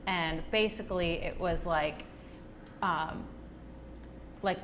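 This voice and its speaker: A woman co-hosting a podcast in casual chat, upbeat and quick with short affirmations. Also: on the low side, noisy background. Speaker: podcast co-host.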